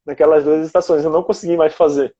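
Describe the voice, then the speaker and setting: A man from Brazil talks as a guest in an easygoing chat, laying out his points one step at a time. His voice sits a bit high for a man yet sounds mellow and soft-edged. The recording is dull and lo-fi. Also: little pitch movement, fast talker. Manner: reflective, explains step by step. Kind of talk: casual conversation.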